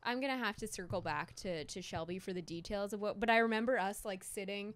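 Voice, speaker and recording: Laughing young woman co-hosting a chat. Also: fast. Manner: laughs often, jumps into high squeaky voices for quotes. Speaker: podcast co-host. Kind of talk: casual chat.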